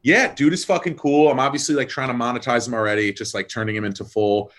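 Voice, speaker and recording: In a casual interview about his wine brand work, a man in his thirties talks fast and swears a lot. He rambles with plenty of likes and ums, staying animated and jumping up in pitch for emphasis.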